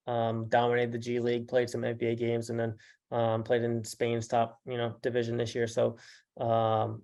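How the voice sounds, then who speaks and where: A man who manages a basketball team, answering interview questions haltingly with many fillers. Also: mid-range voice, vocal fry, a little mellow. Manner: halting, with many ums and uhs.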